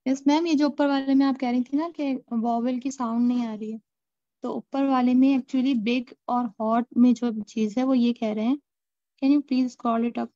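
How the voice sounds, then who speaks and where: Female student in an online class, polite, slightly high voice, lo-fi muffled line. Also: steady tone, measured pace, mellow, dry recording. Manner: polite, addresses teacher as ma'am. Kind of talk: asking questions in an online class.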